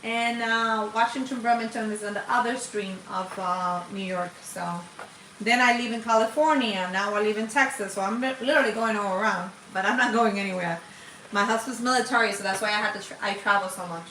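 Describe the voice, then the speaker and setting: A woman's voice: medium pitch, brisk, sharp tone, echoey room, a little hiss or hum, poor audio. A woman in her forties from the Dominican Republic, chatting to viewers as she cooks on a live stream in her home kitchen. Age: 40s. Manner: chatty, talks to viewers while cooking. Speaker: cooking channel host. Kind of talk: casual live cooking stream.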